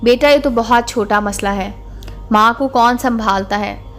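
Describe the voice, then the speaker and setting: A woman's voice: on the high side, unhurried, a bit bright. Baba Murshid, a woman reading a kindly old holy man. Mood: gentle. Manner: kindly, fatherly counsel. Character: wise old bearded male holy man, gentle.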